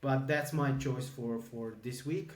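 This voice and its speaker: A man from Croatia co-hosting a podcast in casual chat, halting with many fillers and restarts. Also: medium pitch, steady tone, distant mic, a crowd in the background. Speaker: podcast co-host. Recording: echoey room, a bit off-mic.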